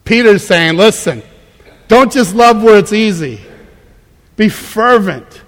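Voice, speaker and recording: A man's voice: high voice, lively intonation, takes it slowly, in a large hall. A man preaching a conversational sermon as a pastor, emphatic and prone to repeating words as he goes. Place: church.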